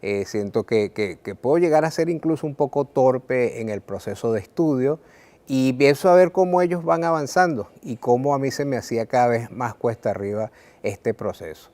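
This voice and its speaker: Venezuelan man, mid-pitched, earnest reflective monologue, hesitant restarts. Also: animated, a little mellow. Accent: Venezuelan Spanish. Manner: earnest, measured, with frequent "eh" and repeated words. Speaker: writer sharing his life story. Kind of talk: reflective personal talk to camera.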